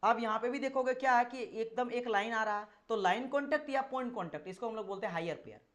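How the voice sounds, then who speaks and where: This engineering exam tutor lectures a class in a very high, fairly bright voice, talking fast. He repeats every point several times, checks in with rhetorical questions, and demonstrates with objects at hand while dropping in English technical terms.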